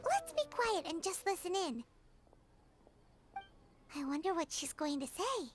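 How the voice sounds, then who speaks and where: Paimon, squeaky fairy sidekick. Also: female voice, big pitch swings, a little slow, exaggerated voice. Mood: hushed. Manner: chirpy, refers to herself by name. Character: small excitable female fairy companion. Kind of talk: video game voice acting. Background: game music.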